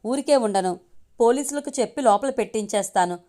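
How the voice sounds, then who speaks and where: A woman reading the lines of a proud, long-suffering young mother in a storybook reading, quiet but firm and defiant. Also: fairly high pitch, fairly quick, natural voice.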